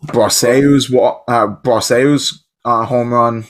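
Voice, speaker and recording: A man co-hosting a podcast in casual chat, talking excitably and rambling with frequent restarts. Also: medium pitch, slow pace. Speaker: podcast co-host.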